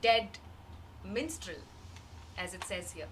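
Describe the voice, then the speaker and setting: A woman playing a grieving, wistful woman in a rehearsed reading of a dramatic monologue, measured and halting with long pauses. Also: medium pitch, lively intonation. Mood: wistful, reflective. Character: grieving woman recalling a dead loved one, wistful and searching. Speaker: actor in a rehearsed reading of a play. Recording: distant microphone, faint background noise.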